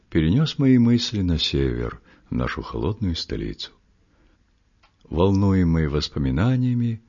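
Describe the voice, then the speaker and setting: A man reading a literary story aloud in a measured, expressive storytelling manner, his voice husky. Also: sits low. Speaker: audiobook reader. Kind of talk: literary audiobook narration. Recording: muffled lo-fi recording.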